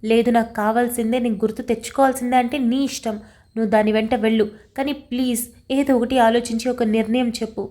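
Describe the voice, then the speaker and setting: A woman's voice: fairly high pitch, little pitch movement, fast, warm tone, lightly acted. A woman voicing an anxious young woman in love, pleading through tears in a storybook reading. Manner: pleading, tearful.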